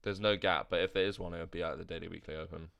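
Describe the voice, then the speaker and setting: A man hosts a live trading stream and thinks out loud as he works through his charts. His voice sits very low and carries a gravelly fry. He sounds tired, trails off mid-thought and turns to chat with his viewers. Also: fairly even intonation, very fast. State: tired, yawning. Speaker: crypto trading livestream host. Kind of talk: casual live chart commentary.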